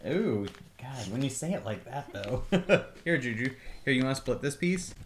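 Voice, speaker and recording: A man's voice: medium pitch, lively intonation, normal speed, a little hiss or hum. A middle-aged man hosting a casual snack-tasting video with his kids, chatty and upbeat, laughing often and coaxing them along.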